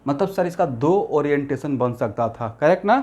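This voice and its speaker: Male tutor, slightly high voice, classroom lecture, quizzes students. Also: animated, moderate pace, darkish tone. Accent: Assamese-influenced Hindi. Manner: mixes Hindi with English terms, asks class questions constantly. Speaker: chemistry teacher.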